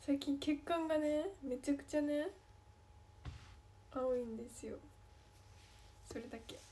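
Young woman, Kansai accent, high voice; casual, playful livestream chat, answering fan comments. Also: measured pace, dark tone. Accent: Kansai Japanese. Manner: playful, chatty, reads comments aloud and answers.

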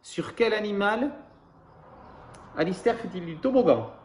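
A high-voiced man reads a picture book at a measured pace in an echoey room with slight background noise. He's animated, addresses the young children directly, and then asks them questions.

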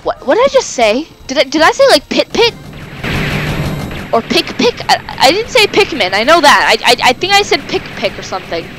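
A woman giving casual, rambling gameplay commentary as a let's player, with sudden excited exclamations. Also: high-pitched, fast, few pauses, music in the background, poor audio. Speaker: video game let's player.

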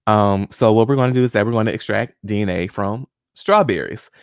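A friendly guest scientist in his forties walks viewers step by step through a hands-on experiment at home in a small room. His voice is on the low side and a little fast. He uses a studio condenser mic with a pop filter and headphones, giving a clean studio sound with no room sound.

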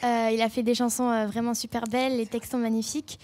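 A woman's voice: a little high, flat delivery, fast, darkish tone. A young woman, a singer, answering interview questions earnestly with fillers. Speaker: singer guest. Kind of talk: studio interview. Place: TV studio set. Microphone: handheld mic.

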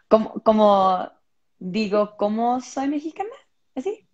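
A woman's voice: mid-range voice, lively intonation, slow pace, a little mellow. A young woman from Los Angeles, a footballer answering interview questions on a video call from a room at home, thoughtful, with many fillers and restarts. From Los Angeles, United States. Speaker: footballer guest. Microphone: earbuds on a video call. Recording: muffled video call audio.

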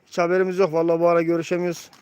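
Higher-voiced man hosting a live stream. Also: completely flat delivery, very fast, a little mellow, clean tone. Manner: addresses viewers as friends, repeats key phrases. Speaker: live stream host of a pigeon auction. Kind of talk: casual live commentary to viewers, with questions to a breeder.

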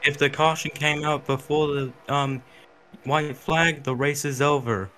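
A man's voice: a little high, level tone, unhurried, pushed and bright, slight background noise. A man co-commentating a sim race, giving play-by-play calls with hesitant fillers. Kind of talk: casual sim racing commentary.

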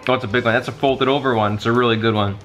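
A man's voice: medium pitch, fairly even intonation, very fast, a bit bright, slight background noise. A man in his thirties chatting casually and playfully as a vlog co-host, recorded on a camera at arm's length indoors. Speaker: vlog co-host doing a taste test. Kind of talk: casual chat. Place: living room couch, indoors.

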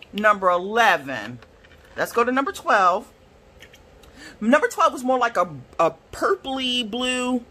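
A woman reviewing art supplies in a casual swatch video, gushing and excitable, gasping and squealing over the colors. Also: a little high. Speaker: product reviewer.

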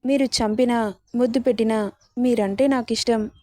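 A woman's voice: on the high side, fairly even intonation, moderate pace, a little mellow, no room sound, studio quality, natural voice. Woman doing a devoted, stubborn young wife. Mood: pleading. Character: devoted young wife, patient but defiant.

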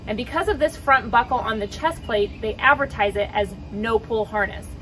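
A woman's voice: normal speed, a bit bright, a little hiss or hum, low-quality recording. Chatty woman reviewing dog gear outdoors. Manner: chatty and upbeat, calls her dogs with high boop sounds. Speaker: dog trainer and vlogger. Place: outdoors, on a wooden deck by woods.

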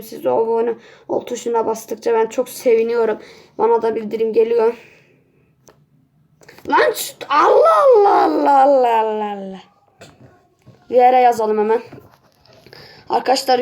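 A gravelly-voiced woman streaming her gameplay and talking over it in casual commentary. Her voice sits a little higher than most women's. She gets worked up fast and curses and shouts at the game. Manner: excitable, swears and yells at the game. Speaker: gaming channel host.

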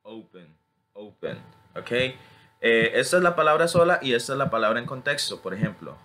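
Bright-toned teacher. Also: male voice, medium pitch, expressive, quick pace. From Costa Rica. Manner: switches between English and Spanish, models words for repetition. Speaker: English teacher. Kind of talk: screen-recorded tutorial.

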